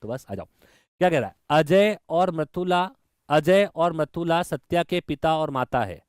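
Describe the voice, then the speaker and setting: A man's voice: a little high, lively intonation, unhurried, smooth, no room sound. Man, reasoning teacher, enthusiastic, dry close recording. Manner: enthusiastic, talks to students directly, mixes in English terms. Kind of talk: online exam-prep lecture.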